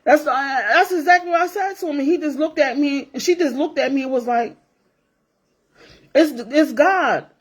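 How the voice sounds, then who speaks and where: Speaking directly to her viewers, a vlogger in her forties launches into a blunt, profane, casual rant, repeating herself for emphasis. Her voice is high-pitched and moves at a normal speed.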